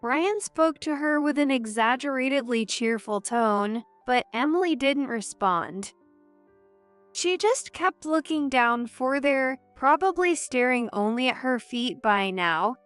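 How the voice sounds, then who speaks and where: A woman narrating a first-person drama story in a measured, earnest way. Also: sits high, expressive, a bit bright, clean tone, no echo, soft background music.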